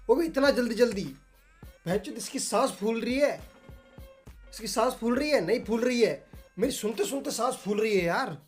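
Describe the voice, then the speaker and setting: A man hosting a reaction video, chatting casually in an exasperated and profane way. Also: sits high.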